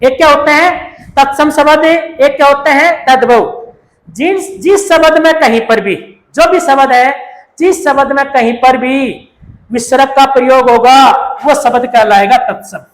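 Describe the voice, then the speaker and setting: A woman's voice: sits high, measured pace. A woman, teaching a grammar lecture. She poses questions and answers them herself, repeating the key terms. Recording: echoey room.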